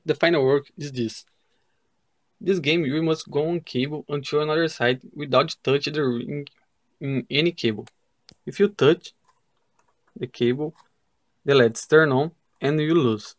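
Slow, halting man with a Brazilian accent. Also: on the high side, poor audio. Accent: Brazilian Portuguese. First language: Portuguese. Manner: halting, careful non-native English with pauses and restarts. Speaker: science fair project demonstrator. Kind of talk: step-by-step how-to explanation. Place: indoors at a wooden table.

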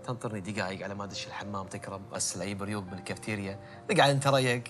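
An actor playing a respectful, dutiful young son in a TV drama, with a Gulf Arabic accent and a polite, deferential manner. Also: male voice, on the low side, fairly even intonation, racing, a bit bright, soft background music, close to an everyday voice. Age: young adult. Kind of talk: naturalistic TV drama acting.

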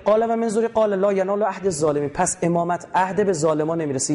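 High-voiced Iranian man lecturing. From Iran. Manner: animated, rhetorical questions, explains word by word. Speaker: religious lecturer. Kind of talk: religious lecture to a live audience. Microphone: recording his own lecture.

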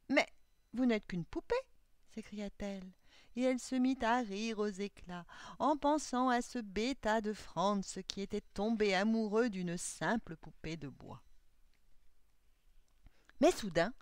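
Animated woman storyteller. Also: medium pitch, dry recording, studio quality. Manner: expressive, animated. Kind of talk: storybook narration.

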